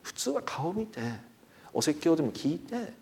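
A man's voice: on the high side, moderate pace, vocal fry. A middle-aged man, a pastor, preaching a sermon and telling stories, acting out the quoted speech of the people in them. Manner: animated storyteller, acts out quoted speech. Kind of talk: sermon with storytelling.

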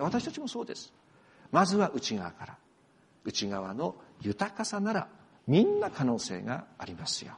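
A man preaching a sermon as a pastor, animated and moving between soft, quiet passages and emphatic ones. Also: a little high, slightly rough, long reverb tail. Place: church.

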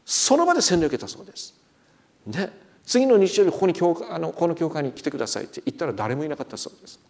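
A middle-aged man preaches as a pastor, weaving stories into his sermon. His voice is gravelly with a bit of fry. His pitch rises and falls a great deal as he acts out what the people in his stories said. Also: fast. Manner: animated storyteller, acts out quoted speech. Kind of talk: sermon with storytelling.

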